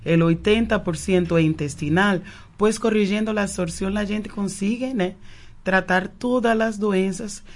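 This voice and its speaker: A woman's voice: medium pitch, moderate pace. A Cuban woman whose first language is Spanish, a naturopath guest on a radio show, who speaks Portuguese with Spanish words mixed in and often repeats words while searching for them. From Cuba. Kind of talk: radio interview answers. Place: radio studio.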